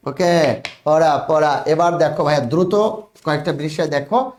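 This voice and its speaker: A man's voice: a little high, fairly even intonation, a little mellow. Echoey Bengali spelling teacher, man. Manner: repeats words slowly, checks with students. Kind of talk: online spelling lesson.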